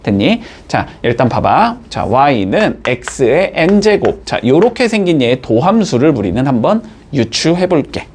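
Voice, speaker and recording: A man teaching a math class, explaining step by step and checking in with his students with quick rising tags. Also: mid-range voice, very animated, a little mellow, a little hiss or hum. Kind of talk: classroom lecture.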